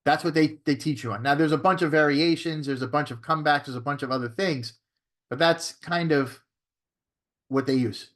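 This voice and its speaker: Higher-voiced man coaching a class. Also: normal speed, fairly bright tone. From Florida. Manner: conversational, repeats "okay?" and "right?" to check in; acts out phone scripts in a shifted tone. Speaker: real estate trainer. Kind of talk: classroom training talk.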